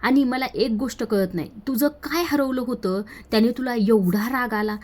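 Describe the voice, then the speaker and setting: A woman's voice: mid-range voice, a little fast, darkish tone, natural voice. A woman voicing an exasperated young husband who scolds his wife with firm, pointed questions. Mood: angry.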